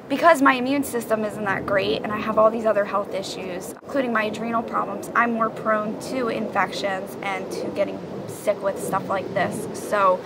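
A woman's voice: mid-range voice, noisy background. A woman in her twenties, talking frankly and with exasperation to the camera in a personal vlog, recorded outdoors on a camera mic. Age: 20s. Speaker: vlogger. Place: outdoors on a yoga mat.

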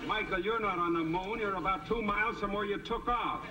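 A man's voice: high voice, a little fast, natural voice. An actor playing an exasperated, practical middle-aged American father in a 1950s sitcom. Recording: echoey, distant vintage TV soundtrack with music.

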